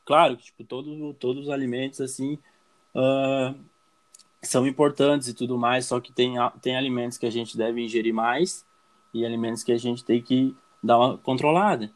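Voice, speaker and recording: A young man with a Brazilian accent speaks casually and pauses often. He hesitates and restarts, searching for his words as he answers questions. His voice sits at an ordinary middle pitch. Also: fairly even intonation. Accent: Brazilian Portuguese. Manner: hesitant, many fillers and restarts. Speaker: guest.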